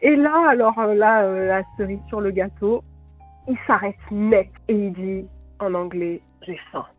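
A woman's voice: medium pitch, unhurried, no echo, faint music behind. A young woman from France telling a bad-date story in a chatty way, full of fillers and laughs, on a voicemail message. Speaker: listener sharing a story by voicemail. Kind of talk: casual storytelling. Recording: tinny phone voicemail line.

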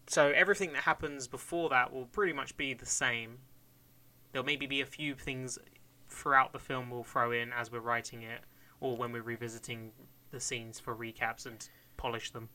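A man's voice: medium pitch, steady tone, moderate pace, pushed and bright. A man co-hosting a podcast in a casual, rambling chat, swearing and laughing often. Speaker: podcast co-host.

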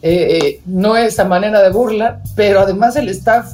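A woman's voice: medium pitch, normal speed, darkish tone, faint music behind. A woman in casual chat with a joking, mock-respectful way of talking.

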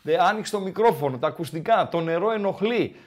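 Podcast co-host, male, slightly raised pitch, repeats lines in a grumbly banter. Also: expressive. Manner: grumbling, repetitive, playful. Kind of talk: casual chat.

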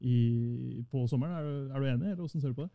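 A man's voice: mid-range voice, creaky, highs cut off. A man hosting an interview, asking casual questions and murmuring agreement often. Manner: relaxed, frequent murmured agreement. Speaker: podcast host.

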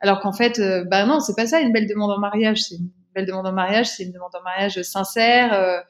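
A woman's voice: medium pitch, steady tone, fast talker. Hesitant woman telling a personal story. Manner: hesitant, many fillers and restarts. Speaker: interview guest.

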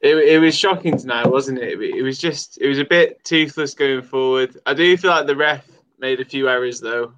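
A man's voice: medium pitch, normal speed, fairly bright tone. Dull lo-fi call, easygoing young man. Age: young adult. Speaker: fan caller on a football show. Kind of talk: casual football chat.

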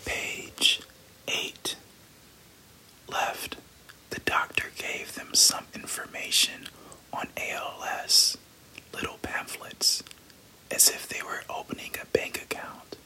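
A podcast host reading a novel aloud entirely in a hushed, unvoiced whisper, delivering the passages evenly. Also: poor audio. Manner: slow, hushed, even delivery of book passages.

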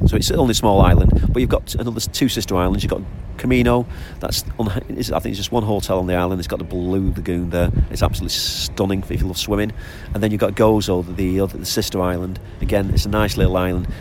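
A man's voice: low-pitched, fairly even intonation, fast talker, hardly any pauses. A middle-aged man with a Lancashire accent chatting casually and enthusiastically, telling stories at length. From Lancashire, northern England. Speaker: interview guest, expatriate football fan living on an island. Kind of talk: casual chat. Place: outdoors by the sea. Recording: outdoor recording with clear traffic and ambient noise.

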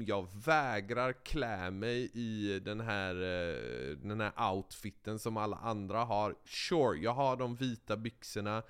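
Smooth-voiced man spinning a boastful tale. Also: fairly low pitch. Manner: lively, profane, boastful storytelling. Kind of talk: casual chat, animated storytelling.

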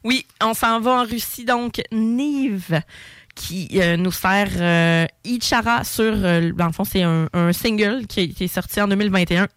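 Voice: medium pitch, a little slow, a bit bright, no echo, clean studio sound. A radio co-host with a Québécois French accent, talking in casual chat with many hesitations.

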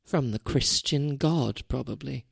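A woman's voice: rumbling low, a little slow, gravelly, husky, no room sound, clean studio sound, exaggerated voice. A woman playing a self-important, paranoid woman author in a comedy radio parody. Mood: grave, self-important. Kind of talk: comedy radio sketch acting, celebrity parody.

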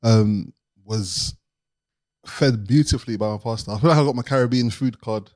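A man with a London accent in casual slangy conversation as a podcast co-host, with a halting delivery. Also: mid-range voice, a little mellow, no echo. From Nigerian family, Yoruba.

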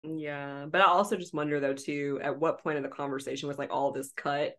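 A woman in a casual podcast chat, voice a little low, jumping up high whenever she acts out what someone said. She talks with loose, swearing energy about a reality show. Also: brisk. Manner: animated, swearing, acts out quotes with rising pitch. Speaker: podcast co-host.

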